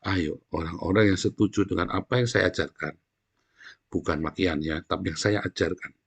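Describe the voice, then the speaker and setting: A man delivering a fiery, blunt sermon with a low, gravelly voice that has a husky edge. He talks coarsely and keeps calling his listeners brothers and sisters. He often flares into loud outbursts, then drops back down. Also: fairly even intonation, moderate pace. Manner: blunt and coarse, often addressing the congregation as "saudara". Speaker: pastor.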